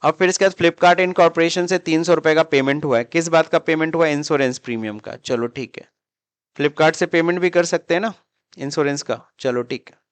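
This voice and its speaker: A man's voice: on the high side, a little fast, smooth, no echo. A man teaching accounting in a classroom-style lecture, mixing Hindi with English terms and repeatedly asking students questions as he explains. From India.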